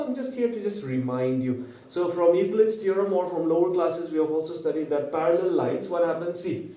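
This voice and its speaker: A man's voice: on the high side, mellow. A man with a Naga accent from Northeast India teaches an informal maths lesson, conversational, repeating key words and checking in with short tag questions. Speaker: online mathematics teacher. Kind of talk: informal video lesson mixing English and local speech. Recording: echoey room, distant microphone.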